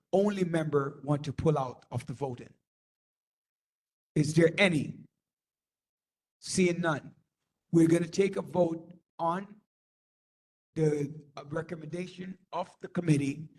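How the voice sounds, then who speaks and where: Guy running a board meeting, slow and kinda high voice, lots of ums. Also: a little mellow. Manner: halting, many ums and restarts. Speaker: meeting chair. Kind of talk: chairing a community board meeting.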